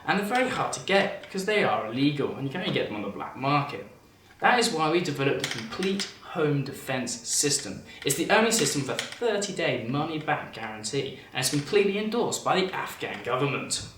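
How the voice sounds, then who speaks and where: A man's voice: a little high, very animated, a little fast, a bit bright. A man playing a confident professor giving an emphatic, matter-of-fact infomercial sales demonstration. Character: confident male professor pitching absurd home weapons. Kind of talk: parody infomercial sales pitch. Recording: echoey room, distant mic, faint noise.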